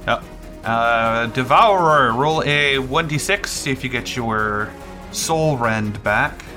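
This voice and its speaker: Bright-voiced man running a tabletop game. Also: medium pitch, slow pace, faint music behind. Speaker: game master. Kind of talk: running a tabletop role-playing game, casual.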